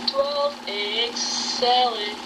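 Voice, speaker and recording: A high, lively woman sings a silly parody carol playfully, standing away from the mic. It is heard from an old home VHS tape, thick with tape hiss. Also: drawn-out words, distant mic. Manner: playful, bursts out laughing and protesting. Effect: old home VHS tape recording.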